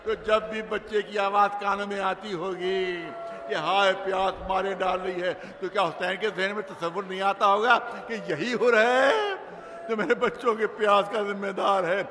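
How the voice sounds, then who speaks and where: High bright-voiced preacher in a reverberant hall. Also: male voice, fairly even intonation, slight background noise. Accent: Lucknow Urdu. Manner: declamatory, rising into lamenting cries. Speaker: cleric giving a majlis sermon. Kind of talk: emotional sermon recitation. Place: large mourning hall. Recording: long reverb of a large hall.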